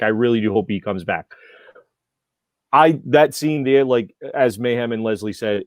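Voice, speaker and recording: A man's voice: on the low side, no room sound. A man on a casual podcast panel, talking with rambling enthusiasm and filling his sentences with like and you know.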